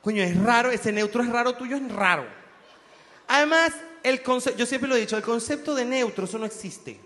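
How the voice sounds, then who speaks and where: High, bright Venezuelan comic in a hall. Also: male voice, moderate pace. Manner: crude, mocking, animated storytelling. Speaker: stand-up comedian. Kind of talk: stand-up comedy routine.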